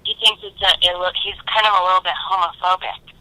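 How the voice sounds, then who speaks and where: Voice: medium pitch, steady tone, quick pace, no room sound. A caller to a live talk show, heard through a phone on speaker held up to the studio microphone and talking hesitantly with many fillers. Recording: thin, bright phone sound, faint and distant.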